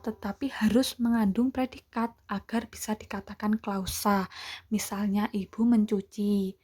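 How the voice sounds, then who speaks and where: A young adult woman teacher giving an online class lecture, explaining terms step by step with many pauses and hesitations. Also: mid-range voice, a little mellow, husky.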